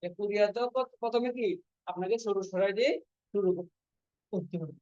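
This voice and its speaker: A woman's voice: mid-range voice, fairly quick, warm tone, no room sound. A woman teaching a classroom lesson, going over each point and asking her students to repeat it back. Her voice sits in an ordinary middle range. The recording is dull and lo-fi, and very dry. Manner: drills students with repeated quiz questions. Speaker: language teacher.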